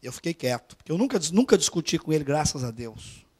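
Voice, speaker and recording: High-voiced Brazilian male preacher. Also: fast talker, breathy edge. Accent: Brazilian Portuguese. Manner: animated, swings from hushed asides to loud urging. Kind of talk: storytelling sermon. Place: church service.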